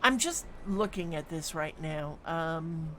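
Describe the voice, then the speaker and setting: Slow-talking woman game streamer. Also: low-pitched, lively intonation, pushed and bright, slight background noise. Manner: thinks aloud, with many hums and ums. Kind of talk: live gameplay commentary.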